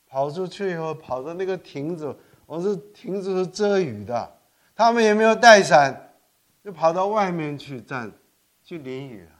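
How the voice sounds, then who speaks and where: An older man, raised in Korea, preaches an animated sermon in a somewhat high voice. He tells stories, keeps correcting himself mid-sentence and mixes English words into his talk. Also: normal speed. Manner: animated storytelling with frequent self-corrections and code-switching to English. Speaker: pastor.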